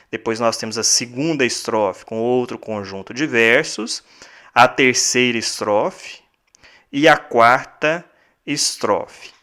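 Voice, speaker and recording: A man's voice: medium pitch, sharp tone. A male teacher with a Brazilian Portuguese accent, explaining a lesson step by step, repeating key points and counting syllables aloud.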